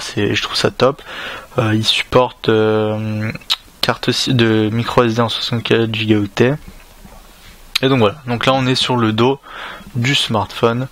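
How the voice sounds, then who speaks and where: Low, flat-voiced French man unboxing a phone. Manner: hesitant, many fillers and restarts; casual, relaxed. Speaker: tech reviewer. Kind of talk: unboxing commentary.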